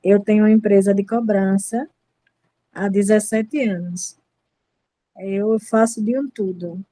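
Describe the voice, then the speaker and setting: A woman's voice: mid-range voice, mellow, no room sound, low-quality recording. A woman from in northeastern Brazil, introducing her collection business firmly and emphatically on a video call. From Sergipe, Brazil. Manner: firm, emphatic, self-assured. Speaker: debt collection business owner.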